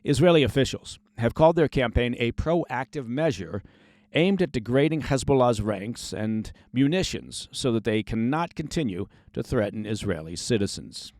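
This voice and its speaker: Male news host, mid pitch, scripted delivery, dry studio sound, sarcastic asides. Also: lively intonation, normal speed, a little mellow, dry recording.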